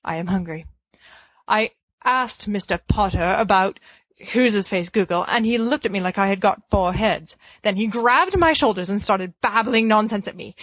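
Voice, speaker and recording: Reading a fan fiction letter aloud, this woman lends her medium-pitched, fairly bright voice to a playful, cheeky, mock-pompous performance as a podfic reader. The home recording is dull, lo-fi and dry, without echo.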